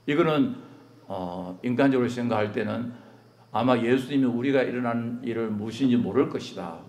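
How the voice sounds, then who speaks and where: A man's voice: medium pitch, moderate pace, darkish tone. A middle-aged man from Korea preaching a sermon, questioning his congregation and rising to emphatic peaks, slipping in English phrases. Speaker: pastor.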